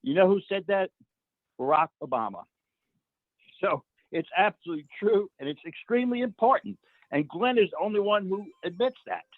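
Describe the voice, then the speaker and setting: Guy on a video call, kinda high voice, lots of uhs, pushing back, sounds dry and phone-y. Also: lively intonation, dry recording. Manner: halting, with many "uh"s, argumentative. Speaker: discussion group participant. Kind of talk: group discussion on a video call. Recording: dry, tinny phone-like line.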